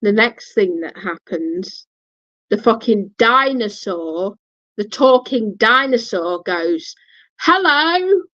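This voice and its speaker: Blunt, swearing woman telling a story; slow pace, dull lo-fi sound. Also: mid-range voice, a bit bright, no room sound. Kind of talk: casual storytelling. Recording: dull lo-fi recording.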